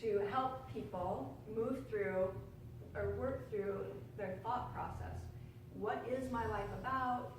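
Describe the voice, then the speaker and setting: A woman's voice: a little high, slow. A woman hosting a show, asking rambling interview questions full of fillers. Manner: warm, rambling, many fillers. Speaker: show host. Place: studio with audience. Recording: very echoey, distant mic, noisy.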